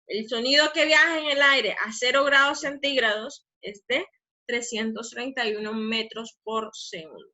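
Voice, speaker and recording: Explaining physics to her class, a woman teacher speaks in a slightly high, steady, sharp voice and keeps checking in with "¿verdad?" to confirm understanding. She says she talks fast.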